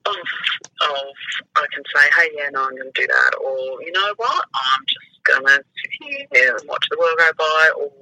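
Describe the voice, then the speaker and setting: A woman's voice: deep voice, lively intonation, normal speed, vocal fry, pushed and bright, low-quality recording. A middle-aged woman in casual chat, wry, with hesitant starts and repeated words.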